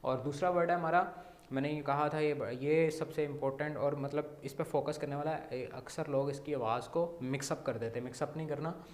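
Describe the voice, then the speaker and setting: A man with a Pakistani Urdu accent teaching Mandarin, slowly repeating sounds and often checking with "theek hai". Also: on the high side, steady tone, a little mellow, roomy sound. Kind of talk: language lesson explaining words.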